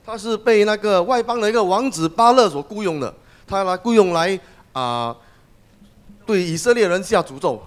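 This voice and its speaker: Male church interpreter, high-pitched voice, consecutive sermon translation, phrase-by-phrase, slightly hesitant. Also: lively intonation, normal speed.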